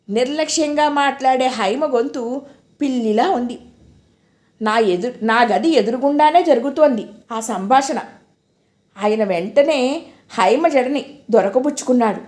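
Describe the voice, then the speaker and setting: High-voiced woman reading a novel. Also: measured pace, long pauses. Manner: expressive storytelling. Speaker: audiobook narrator. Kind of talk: first-person novel reading.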